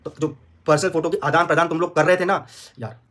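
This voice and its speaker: A man's voice: on the high side, steady tone, fast talker, a bit bright. A man arguing heatedly on a livestream, repeating himself, pleading and threatening in turns. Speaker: vlogger on a livestream.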